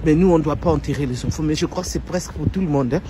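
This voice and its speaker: A woman's voice: low voice, racing, mellow, slight background noise. A middle-aged woman talks straight to her audience in an emotional, heartfelt commentary. She is earnest and repetitive, often tripping over a word and saying sorry before carrying on. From Congo-Brazzaville. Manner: earnest, repetitive, stumbles and apologizes. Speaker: social media commentator. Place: home in Paris.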